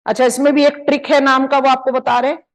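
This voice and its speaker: This woman, who has an Indian accent, leads a live online map lesson in geography, switching languages between Hindi and English. As she sketches on the map, she slowly stretches out the main place names. Her voice is high-pitched with a level tone, heard through poor audio.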